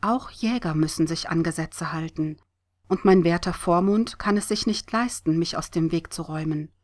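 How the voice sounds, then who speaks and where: A woman voicing a calm, defiant young female student who speaks in a hushed, hissing tone. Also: fairly low pitch, normal speed, natural voice. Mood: soothing.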